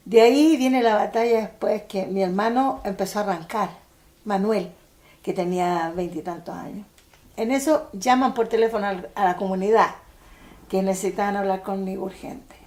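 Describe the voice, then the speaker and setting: An older woman with a Chilean accent, recalling events in halting testimony with many restarts. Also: medium pitch, mellow. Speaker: interviewee. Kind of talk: personal testimony for a documentary.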